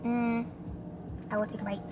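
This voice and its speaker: A woman's voice: fairly high pitch, little pitch movement, moderate pace, music in the background. A young woman chatting casually with the camera while eating, chatty and loose, full of fillers. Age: young adult. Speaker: vlogger. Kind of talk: casual mukbang chat.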